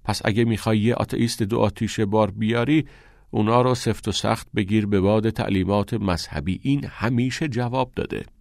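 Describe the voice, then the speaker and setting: A man's voice: lowish voice, creaky, darkish tone, dry recording, clean studio sound. A man voicing a male schoolteacher with a sly, joking manner. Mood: wry. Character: male schoolteacher, wry and ironic.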